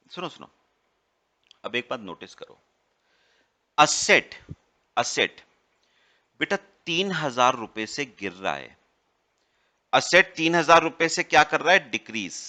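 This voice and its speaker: A man's voice: mid-range voice, sharp tone. A man teaching an accounts lesson, quizzing his students, calling them "beta" and repeating each key point. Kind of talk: classroom lecture.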